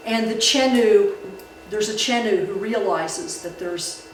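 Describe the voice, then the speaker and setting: A woman tells folk tales and explains old beliefs to a library audience, talking loosely and restarting her sentences often. Her voice is picked up from a distance in a very echoey room. Steady background noise sits under it. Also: mid-range voice, slow pace. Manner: conversational, with many restarts and fillers. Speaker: library speaker. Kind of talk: public talk on folklore.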